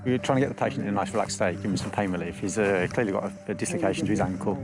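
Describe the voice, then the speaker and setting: A man's voice: on the low side, rapid-fire, loud music behind the voice. A man working as a medic, giving an explanatory commentary on a treatment. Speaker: air ambulance medic.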